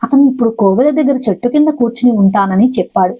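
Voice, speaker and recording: A humble, devoted village wife who speaks politely to a holy guest, as a woman telling the story puts her on. The voice is warm, soft and a little husky. The recording is slightly dull and lo-fi. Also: fairly high pitch, fast, natural voice.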